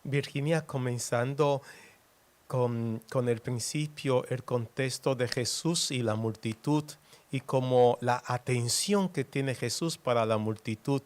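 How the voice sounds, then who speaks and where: A man's voice: medium pitch, slow, a little mellow. A man who is a priest, leading a prayer and explaining a Bible passage in an earnest, teaching way. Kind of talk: prayer and homily.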